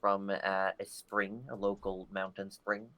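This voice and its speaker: A man's voice: low-pitched, flat delivery, measured pace, a bit bright. A man narrating a tabletop game as game master, describing scenes with many fillers.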